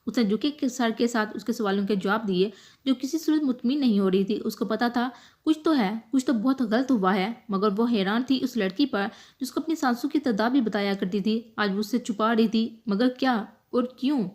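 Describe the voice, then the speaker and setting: A woman narrating a romantic novel aloud in an emotive, measured storytelling manner. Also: on the high side, a little mellow. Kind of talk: scripted novel reading.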